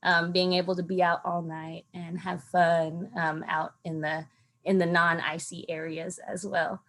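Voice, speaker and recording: A woman's voice: fairly low pitch, flat delivery, measured pace, a bit bright. A young woman from Alaska, a podcast guest, talking earnestly about travel and home in a casual interview with frequent ums. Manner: earnest, thoughtful, many ums.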